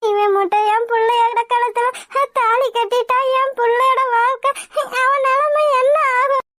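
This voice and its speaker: A woman's voice: very high-pitched, fairly even intonation, normal speed, fairly bright tone. A woman voicing a distraught mother of the bride in a cartoon, wailing and blaming herself. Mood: grieving. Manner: wailing, self-blaming laments.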